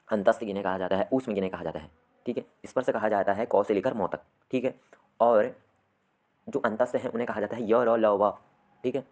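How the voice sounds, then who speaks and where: Male teacher, lowish voice, steady rhetorical question-and-answer delivery for an online lesson. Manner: asks the class questions and answers them himself; repeats "theek hai" often. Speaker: Sanskrit grammar teacher.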